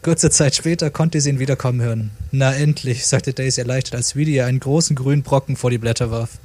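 Man, husky, casual story reading, chuckling, stumbles and restarts. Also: mid-range voice, fast, darkish tone.

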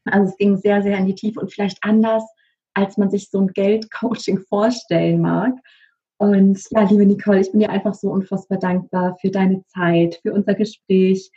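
A woman hosting an interview, introducing her guest warmly and effusively. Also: medium pitch, little pitch movement, moderate pace, slightly rough, muffled recording. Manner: warm, effusive, grateful. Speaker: interview host.

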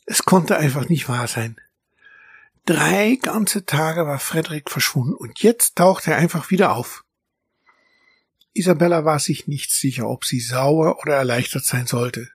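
A man reading a children's story aloud as a narrator, calm and measured. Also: a little high, slightly rough, no room sound, clean studio sound.

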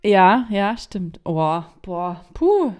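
A woman's voice: medium pitch, very animated, very slow, darkish tone, smooth, soft background music. A woman co-hosting a casual chat podcast, musing and searching for words, laughing now and then. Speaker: podcast co-host.

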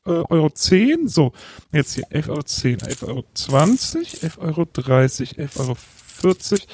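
A man playing a fussy customer who counts coins out loud and keeps losing track. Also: fairly high pitch, slight background noise.

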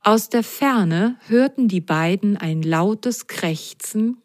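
A woman's voice: medium pitch, takes it slowly, dry recording. Woman reading a children's story, dry close sound. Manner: gentle, clear, addresses children directly.

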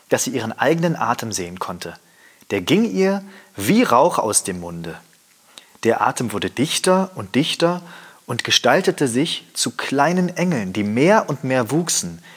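A man reading a fairy tale aloud with expressive storytelling. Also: medium pitch, slightly rough. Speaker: reader.

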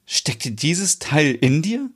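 Shrill, dramatic boss woman in a storybook reading, voiced by a man, high and flustered. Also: big pitch swings, takes it slowly, slightly rough, exaggerated voice. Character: fussy, excitable woman, kitchen owner and boss.

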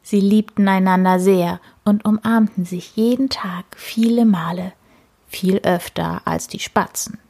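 Brief: woman narrator, whispered storytelling, hushed and breathy, mid-pitched. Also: steady tone, measured pace. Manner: soft, hushed.

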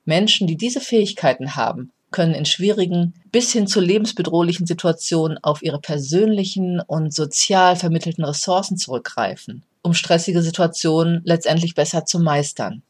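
A podcast host speaking straight to the listener in a reflective, explanatory monologue about resilience. The voice sits at a middle pitch and keeps an even, motivational tone. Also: normal speed, few pauses, breathy edge.

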